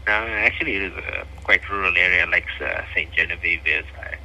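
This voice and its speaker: Deep-voiced Nepali man, bright tone. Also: a little fast, gravelly, slight background noise, poor audio. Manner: hesitant, earnest, many fillers. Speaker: physician guest. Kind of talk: interview.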